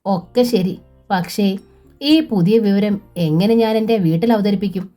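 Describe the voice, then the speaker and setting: A woman's voice: mid-range voice, a little slow, mellow, faint music behind, close to an everyday voice. A woman voicing an earnest young man in love, speaking with pleading sincerity. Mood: worried.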